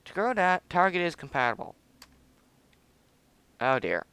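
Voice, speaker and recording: Young man rambling over gameplay, clear and dry. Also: sits high, big pitch swings, unhurried, bright, forceful tone, no echo. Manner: rambling, self-mocking, hums and mutters to himself. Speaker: gameplay video host. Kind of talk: casual game commentary.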